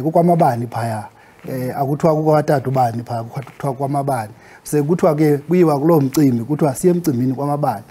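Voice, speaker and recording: A man with a Xhosa accent speaks as a guest explaining in a formal, respectful manner. His voice is quite fast, with a soft, dark tone and a husky edge. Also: mid-range voice. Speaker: guest expert on Xhosa customs. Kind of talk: interview talk.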